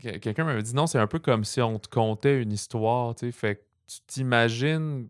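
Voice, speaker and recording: A man with a Quebec French accent, co-hosting a casual film review chat and telling his thoughts in animated, digressive stretches. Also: mid-range voice, moderate pace, clean tone, no room sound, studio quality.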